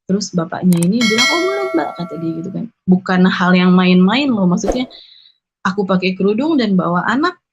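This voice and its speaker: A woman's voice: medium pitch, brisk, noisy background. A young woman earnestly telling her personal conversion testimony, acting out the people she met. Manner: earnest, emotional retelling with quoted dialogue. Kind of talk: personal testimony, casual storytelling. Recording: dull lo-fi recording.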